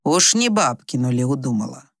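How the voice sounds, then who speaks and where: A woman reading a story aloud, voicing a gruff, commanding old village father who blusters and booms at his family. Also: animated, moderate pace, dry recording, clean studio sound, full character voice. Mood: indulgent.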